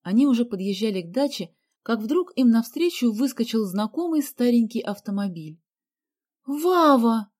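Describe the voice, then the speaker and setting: A woman reading a children's novel aloud as narrator, in a calm, even manner. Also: a little high, a little fast, few pauses. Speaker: audiobook narrator. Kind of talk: scripted narration.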